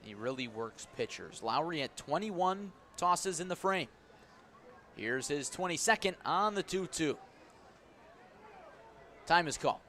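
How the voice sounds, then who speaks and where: On live radio, this man's play-by-play of a baseball game is expressive and measured, with frequent pauses and a bright, forceful tone. He narrates the action descriptively, lifting and emphasizing every pitch and key moment, while clear outdoor ballpark noise hums in the background.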